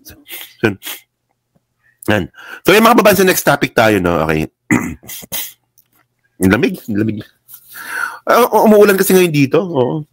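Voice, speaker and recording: A man's voice: fairly high pitch, very animated, unhurried, long pauses, no echo, poor audio. A man hosting a casual political commentary livestream, mocking and laughing often as he reads headlines aloud. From Philippines. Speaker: political vlogger. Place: indoors at a laptop.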